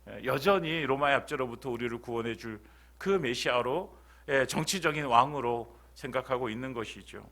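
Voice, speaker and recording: A man's voice: medium pitch, normal speed, fairly bright tone. A male pastor preaching a sermon at a church service, who poses rhetorical questions to the congregation and repeats key phrases.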